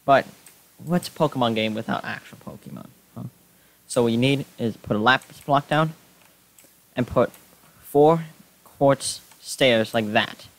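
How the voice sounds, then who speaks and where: A young man giving casual gameplay commentary, excitable, yelping when things go wrong. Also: medium pitch, measured pace, long pauses. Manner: excitable, yelps and shouts when startled. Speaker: Minecraft YouTuber.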